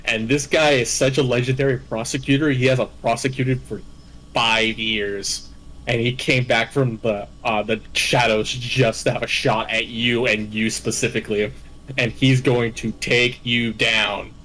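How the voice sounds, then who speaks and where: A man telling a game story in easygoing casual chat, his voice sitting at an ordinary male pitch. He rambles, restarts his sentences and laughs along the way as he hosts. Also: steady tone, unhurried, a bit bright, rough recording. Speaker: host recapping game villains.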